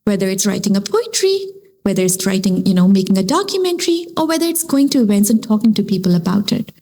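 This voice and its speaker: A woman in her thirties from Pakistan with a Pakistani accent, a filmmaker guest telling stories in a lively interview, often saying "you know". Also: mid-range voice, fast talker. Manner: animated storytelling, frequent "you know". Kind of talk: conversational interview.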